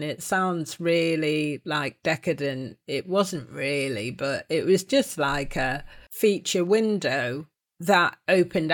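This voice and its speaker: A middle-aged woman with a Manchester accent telling her story as an interview guest, chatty and laughing often. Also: lowish voice. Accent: Mancunian. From Manchester, England.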